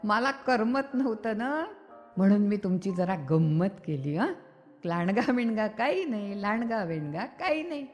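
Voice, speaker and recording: A woman voicing a mischievous young village shepherd boy who shouts and laughs in a raised voice. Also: expressive, a little slow, close to an everyday voice. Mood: teasing. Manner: high, laughing, shouting cries. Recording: reverberant studio with background music.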